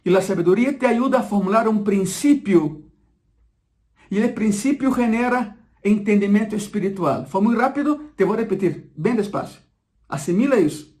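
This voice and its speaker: A man preaching a sermon, emphatic and repeating key phrases slowly so the congregation absorbs them. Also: sits high, expressive, a little mellow.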